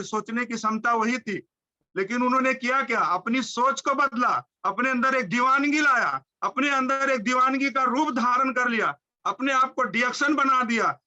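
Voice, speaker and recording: Fervent high-pitched man, lo-fi sound. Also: pushed and bright. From India. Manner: fervent, repetitive chanting phrases. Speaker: motivational speaker. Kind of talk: high-energy motivational speech.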